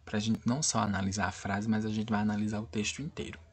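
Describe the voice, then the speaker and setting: Teaching an online class, this man speaks quickly and flatly in a lowish voice with a Brazilian Portuguese accent. He goes over things again and again, making sure students follow.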